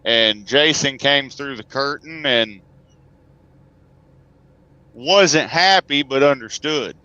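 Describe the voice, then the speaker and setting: A man's voice: medium pitch, slow pace, bright, forceful tone, clear, resonant tone, dry recording, lo-fi sound. A man, a truck driver, telling stories as a guest in a casual, folksy, joking way. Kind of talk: casual conversation, storytelling.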